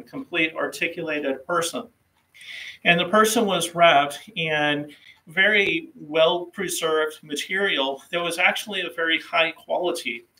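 A man's voice: on the high side, sharp tone, rough recording. A middle-aged man giving a history lecture in a small classroom, explaining with fillers, recorded on a camera mic a few steps away. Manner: explanatory, uses fillers, gestures at whiteboard. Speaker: history teacher. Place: small classroom with whiteboard, indoors. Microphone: fixed camera mic at mid distance.

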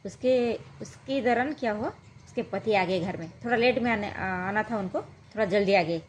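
A woman's voice: mid-range voice, moderate pace, slight background noise. A woman telling a true-life story in a casual, rambling way. She uses lots of fillers and keeps asking "what happened next" as she goes.

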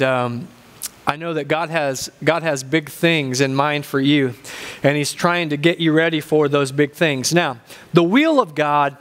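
A male pastor in his fifties with a thick Ozarks accent delivers a sermon from a church stage. His voice sits fairly high for a man. He speaks deliberately, repeating key phrases to drive them home. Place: large church stage indoors.

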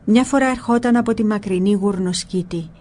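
A woman narrating a spiritual book in a calm, measured storytelling voice. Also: mid-range voice.

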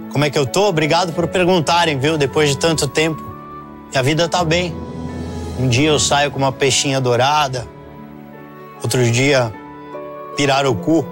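A self-pitying aquatic superhero with a Brazilian accent, gives a mock interview. The voice is fairly high, whiny and aggrieved, with clear music behind it. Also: male voice, a bit bright. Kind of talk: sketch comedy mock interview monologue.

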